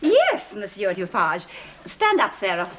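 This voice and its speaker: An actress playing a strict, haughty headmistress with a severe, clipped way of scolding, in a period TV drama. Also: female voice, mid-range voice, wildly swooping pitch, unhurried, heavy background noise. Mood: disdainful. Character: strict, haughty female headmistress of a girls' school.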